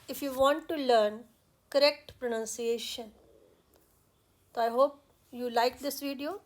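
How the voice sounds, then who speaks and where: A woman from India with an Indian English accent, teaching English pronunciation patiently and repeating example words with care. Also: high voice.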